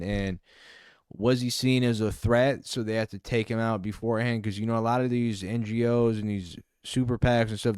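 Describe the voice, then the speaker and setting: A man's voice: lowish voice, a little mellow, clean tone, dry recording, clean studio sound. A man hosting casual political reaction commentary, talking loosely with lots of fillers and the odd swear word.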